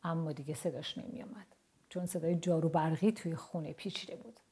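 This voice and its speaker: Storyteller: young woman, lively children's story reader, low breathy voice.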